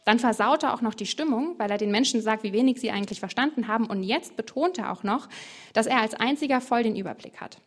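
Bible teacher, a woman, chatty and lively, asks the listener lots of questions, voice a touch high. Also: quick pace. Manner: lively, colloquial, rhetorical questions. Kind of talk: devotional bible commentary.

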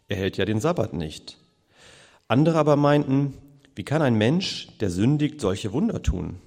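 A man reading a long scripture passage aloud in church, in a measured, steady way. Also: fairly low pitch, vocal fry, big-room sound. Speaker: scripture reader.

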